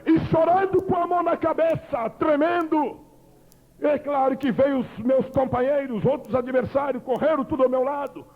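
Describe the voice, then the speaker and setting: A man giving a fervent preaching testimony, speaking emotionally to his listeners as brothers and swinging between hushed and loud. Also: very high voice, normal speed. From Brazil. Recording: dull lo-fi sound.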